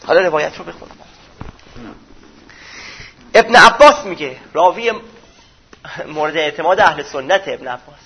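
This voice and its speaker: Guy giving a religious lecture, husky and kinda raspy, high voice, explains stuff in plain talk. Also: expressive, long pauses, fairly bright tone. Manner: explains texts in plain everyday speech.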